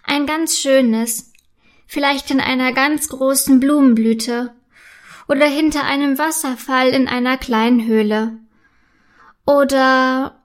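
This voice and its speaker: A woman voicing a small, shy fairy girl who speaks softly and wistfully in a storybook reading. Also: high-pitched, steady tone, measured pace. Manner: soft and wistful.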